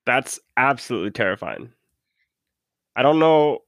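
A man's voice: medium pitch, big pitch swings, normal speed, fairly bright tone, dry recording, studio quality. A man from Minnesota hosting a casual interview, asking questions in a laid-back way. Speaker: host.

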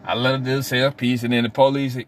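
A middle-aged man, chatting casually as a podcast host and telling stories in an animated way. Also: medium pitch, fast talker. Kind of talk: casual storytelling chat.

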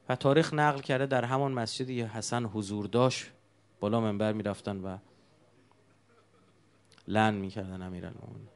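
A man's voice: fairly low pitch, clean tone. A man preaching a sermon, telling stories with emotion and asking the congregation rhetorical questions.

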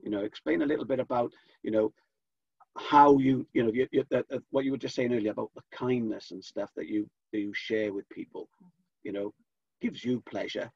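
A man interviewing a guest, halting and full of fillers. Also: medium pitch, fairly even intonation, vocal fry, darkish tone, breathy edge, no echo. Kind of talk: casual interview. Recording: dull, dry lo-fi sound.

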